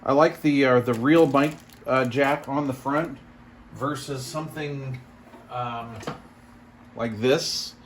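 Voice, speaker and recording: Speaking slowly at medium pitch with fairly even intonation, a male reviewer casually narrates an unboxing. He muses aloud and offers the occasional mildly impressed exclamation, with clear background noise and room sound.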